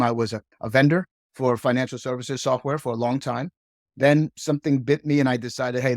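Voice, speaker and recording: A man's voice: medium pitch, no room sound, studio quality. A middle-aged man from Hong Kong, a podcast guest, telling his career story in a chatty way and tagging many sentences with "right?". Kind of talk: casual storytelling.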